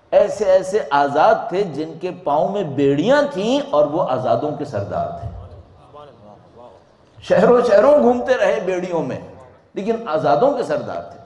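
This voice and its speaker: A man giving a religious sermon to a congregation, swinging between loud rising questions and quiet drops. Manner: dramatic rises and drops in pitch and volume, rhetorical questions. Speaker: preacher. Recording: echoey hall.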